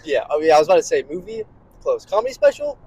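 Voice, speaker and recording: A man's voice: on the high side, huge pitch swings, fast, vocal fry, a little mellow, slightly rough, low-quality recording. A young man co-hosting a casual podcast chat in a car, laid-back and slangy, his voice a bit worn. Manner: laid-back, slangy, says bro a lot. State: voice slightly worn. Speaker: podcast co-host.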